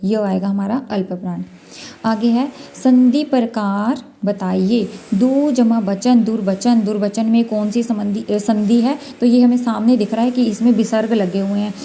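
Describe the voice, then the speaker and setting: A woman with a mid-range, dark-toned voice teaches a Hindi exam-prep lesson. She works through the questions one by one, repeating key words and sounding out letters as she explains.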